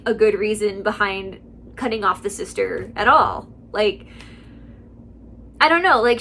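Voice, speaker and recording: A woman's voice: on the high side, sharp tone, a little hiss or hum. A woman hosting a channel where she reads online stories and reacts, talking casually with lots of filler words and laughing between remarks. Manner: chatty, heavy use of "like" fillers. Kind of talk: casual commentary.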